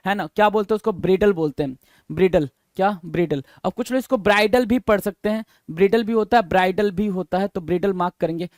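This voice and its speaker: A man with a high voice teaching English vocabulary in an exam-prep lesson. He reads definitions slowly, explains them, and drills the answers, firing questions back at the listener and spelling each word letter by letter. The recording is dry and close, with no room sound. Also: dry recording. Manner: quizzes students with repeated questions, spells words letter by letter.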